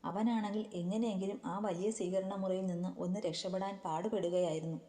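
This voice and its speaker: A woman narrating a romantic story in a steady, even reading voice. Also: medium pitch, a little fast, in a large hall. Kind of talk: scripted narration.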